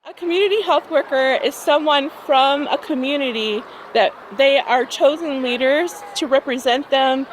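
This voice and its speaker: A woman's voice: sits high, moderate pace, few pauses, low-quality recording. A woman, a community health worker, earnestly defining her role in an interview clip.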